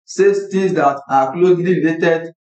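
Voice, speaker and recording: Halting man, distant and echoey. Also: on the high side, a little mellow. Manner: halting, repeating phrases. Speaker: guest giving advice. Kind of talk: casual chat. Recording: distant, echoey, dull microphone.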